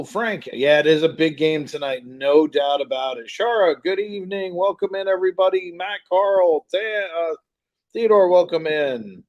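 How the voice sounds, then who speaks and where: A slightly high, somewhat mellow man's voice carries a casual live hockey stream. He calls the game play by play and greets viewers, talking in a chatty, slightly scattered way while juggling tasks.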